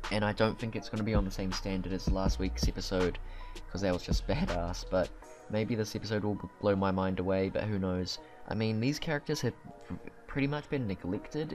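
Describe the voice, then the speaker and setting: A man with a fairly low voice talks casually as a video host giving a speculative preview commentary. He thinks aloud, backing up and rewording as he goes, with music clearly playing behind him. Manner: conversational, hedging and self-correcting as he thinks aloud. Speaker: YouTube anime commentator and host.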